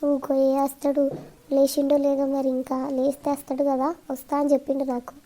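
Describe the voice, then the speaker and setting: A woman voicing a caring elder sister in a cartoon, speaking with a Telangana accent and soothing others with gentle scolding. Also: high-pitched, completely flat delivery, fairly quick, lightly acted. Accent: Telangana Telugu.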